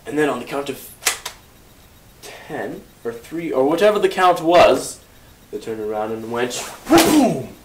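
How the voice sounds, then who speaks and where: A man presenting a casual history lesson, telling it playfully with joking asides and sudden loud bursts. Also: medium pitch, expressive, unhurried, pauses often, noisy background. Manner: self-correcting, with asides and joking corrections.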